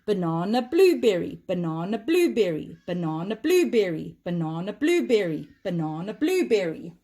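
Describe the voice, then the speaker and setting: A woman teaching a lesson to young children, slow and encouraging, chanting patterns aloud in a sing-song way. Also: lowish voice, very animated, warm tone.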